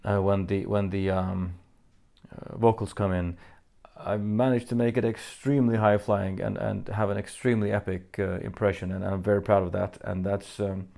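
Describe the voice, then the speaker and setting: A Faroese man from the Faroe Islands, a musician, answers fan questions in a casual Q&A monologue. His voice is low and gravelly, with a level, warm tone. He speaks haltingly, with many fillers and restarts, and reads the questions aloud.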